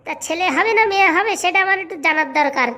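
An eager servant man in a cartoon with a very high, squeaky voice, chattering in a hurry. He is excitable and keeps urging everyone along. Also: quick pace. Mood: hurried. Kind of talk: comic cartoon voice acting.

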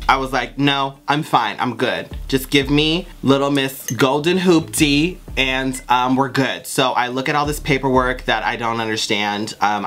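A young adult American vlogger with an androgynous voice, telling a story in casual, sassy, animated chat with plenty of swearing. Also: mid-range voice. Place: small bedroom, indoors. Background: background music.

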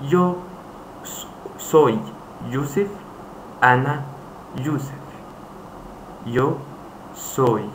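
A man teaching a lesson in a slow, halting way, repeating phrases for his students. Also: medium pitch, fairly bright tone. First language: Arabic. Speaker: Arabic teacher. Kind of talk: screen-recorded language lesson. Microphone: voice-over on screen recording. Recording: echoey room, faint hiss.

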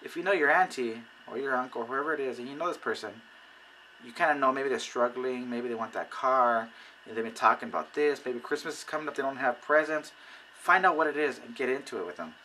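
A man giving casual how-to advice on recruiting people, animated and acting out conversations. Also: medium pitch, fairly quick, slight background noise, poor audio. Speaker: network marketing recruiter. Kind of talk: casual how-to video talk.

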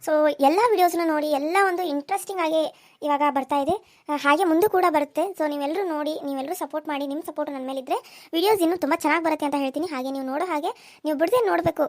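Woman channel host, high-pitched, rattling through the intro. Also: fast. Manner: chatty, asking viewers to subscribe.

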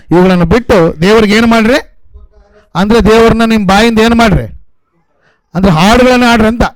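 High-voiced preacher with a North Karnataka accent. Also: male voice, no room sound, poor audio. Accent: North Karnataka Kannada. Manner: keeps quizzing the congregation, repeats phrases. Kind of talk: sermon with call-and-response questions. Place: church in a coastal city.

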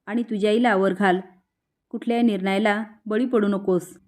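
A firm, guarded father from a soap-story retelling, terse as he hands out instructions, read out by a woman narrator. Her own plain middle-pitched voice carries it. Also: steady tone, moderate pace, a little mellow, close to an everyday voice.

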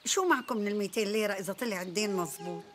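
A woman's voice: mid-range voice, racing, lightly acted. An actress playing a curious, dramatic neighbor woman who laments nosily, with a Damascene accent. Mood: lamenting. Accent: Damascene Arabic. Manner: nosy, lamenting. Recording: music underneath.

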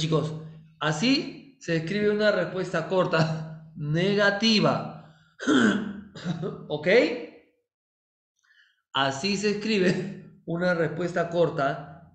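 A man's voice: high voice, fairly bright tone, roomy sound. A man teaching an online English class in Spanish, patient, repeating each point and checking that students understand. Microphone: computer mic on a video call.

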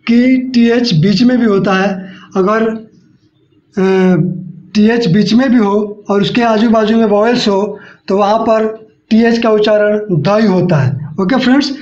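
A man's voice: high voice, darkish tone. A man teaching a spoken-English lesson, spelling words letter by letter and often checking in with his viewers. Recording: dull lo-fi audio in an echoey room.

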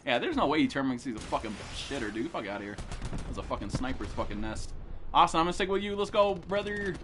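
A young man streaming a shooter game, cursing constantly, yelling and complaining in loose casual commentary. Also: medium pitch, fast talker, noisy background. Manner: excitable, swears constantly, yells and complains.

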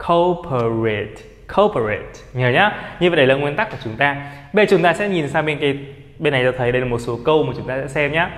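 A man with a Vietnamese accent teaching in a classroom, explaining step by step and often checking that students follow. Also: mid-range voice. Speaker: English teacher. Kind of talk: classroom lesson. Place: classroom with a board. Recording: echoey room.

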